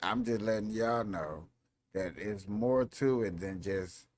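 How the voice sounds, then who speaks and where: A man's voice: lowish voice, slow, darkish tone, no echo. A man hosting a casual commentary vlog, rambling and repeating himself as he talks over clips. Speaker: vlog host.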